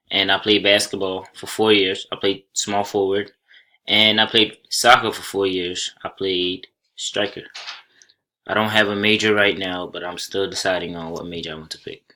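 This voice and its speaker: A young adult college student from Senegal, who grew up speaking Soninke, guides his class through slides. His low voice has a bright, forward edge, and he speaks plainly, flatly and without hurry, occasionally restarting a phrase.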